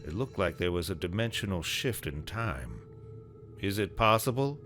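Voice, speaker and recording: A man narrating a paranormal documentary in a slow, dramatic, scripted delivery. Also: deep voice, very animated. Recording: voice-over with loud music.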